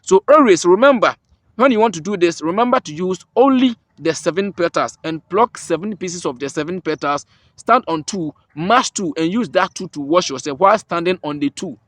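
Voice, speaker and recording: A man with a Ghanaian accent hosts an herbal remedy channel, explaining a ritual step by step and emphatically restating every point. His high-pitched voice is animated and a bit bright at normal speed, with clean studio sound and no echo.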